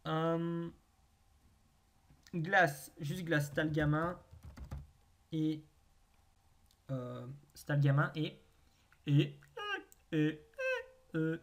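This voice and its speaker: With a mid-range voice and fairly steady intonation, a gaming video host talks through a naming quiz aloud. The host sounds unsure, pausing at length and adding wry self-mocking comments.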